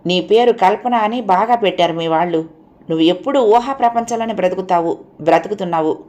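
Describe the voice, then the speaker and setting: A woman's voice: mid-range voice, brisk, a little mellow, natural voice. A woman reading a bitter, reproachful husband. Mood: bitter, accusing. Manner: accusing, cutting. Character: bitter young husband reproaching his wife.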